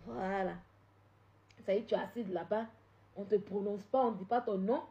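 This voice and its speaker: A woman on a live stream, confrontational and repetitive, swinging from loud outbursts to low scolding. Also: normal speed, lo-fi sound. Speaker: social media live streamer. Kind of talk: heated live-stream rant.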